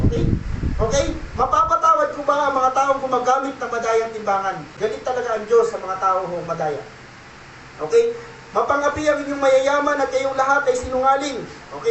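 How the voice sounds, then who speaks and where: A male pastor with a very high voice preaches a sermon, repeatedly checking in with "okay?" and mixing in English in a Taglish style. Recorded from a distance in a spacious, echoing church hall, his voice carries over a faint ambient hum.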